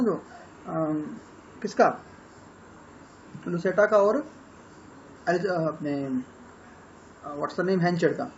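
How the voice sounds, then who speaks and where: With a high, slightly mellow voice and an Indian accent, an English literature teacher walks students through a novel's plot in a patient lecture. He alternates Hindi and English, stopping on fillers to think, and the audio is dull, lo-fi and faintly noisy.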